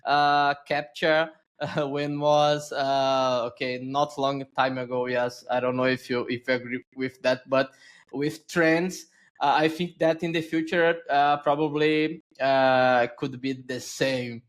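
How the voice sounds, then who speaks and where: A man's voice: medium pitch, little pitch movement, slow. A man from Brazil with a Brazilian Portuguese accent, speaking English as a second language while hosting an interview, with many fillers and restarts. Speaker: podcast host. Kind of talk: casual interview.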